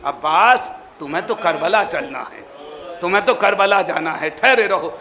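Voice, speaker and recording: A man voicing a sorrowful man who quietly restrains his brother, within a mourning recitation. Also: expressive, moderate pace, a crowd in the background. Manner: low, hushed and sorrowful.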